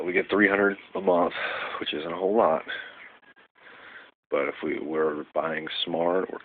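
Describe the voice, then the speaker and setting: A man's voice: sits low, gravelly. A young man rambling casually in a vlog, full of fillers and losing his train of thought. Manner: rambling, loses track, many fillers. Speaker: vlogger. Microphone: phone. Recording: tinny phone recording with faint noise.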